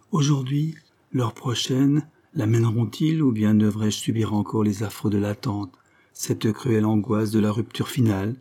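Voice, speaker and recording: Husky, mellow male audiobook narrator. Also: on the low side. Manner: measured, literary. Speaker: audiobook reader. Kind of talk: scripted narration.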